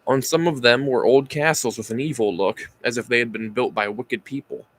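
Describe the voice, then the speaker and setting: A man's voice: mid-range voice, steady tone, normal speed, slight background noise, rough recording. A tired man casually reading a novel aloud as an amateur audiobook, sighing between phrases and stumbling over words before correcting himself.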